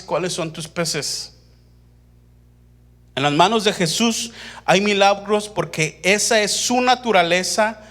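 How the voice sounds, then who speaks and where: A man preaching a testimony sermon, telling a story with lively acted-out dialogue and then slowing to deliberate, emphatic points. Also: sits high. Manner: animated storytelling, acts out quoted voices, slows to deliberate emphasis.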